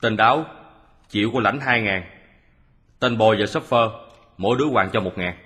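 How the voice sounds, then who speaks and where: A man playing a calm, methodical detective who patiently recounts how a crime was carried out, in a radio drama. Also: fairly low pitch. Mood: steady. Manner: measured storytelling, steady. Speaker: detective explaining a solved case. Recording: long hall reverb.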